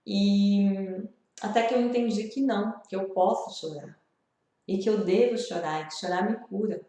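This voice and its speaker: Speaking warmly and earnestly, a woman with a Brazilian Portuguese accent confides in her viewers through a personal vlog. She's a video host offering advice on grief, her medium-pitched voice moving at a normal pace and drenched in heavy reverb.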